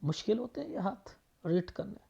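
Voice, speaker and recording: A man's voice: sits high, big pitch swings, vocal fry, warm tone, breathy edge. Man firing rhetorical questions, dull lo-fi sound. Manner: rapid rhetorical questions, repeats phrases for emphasis. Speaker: palmist. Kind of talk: explaining a palm reading to viewers.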